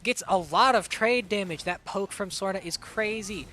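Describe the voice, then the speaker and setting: Woman streamer doing hype game commentary, sore throat, bright voice, reacts to every play. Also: medium pitch, slight background noise. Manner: excitable, hyped play-by-play with quick reactions.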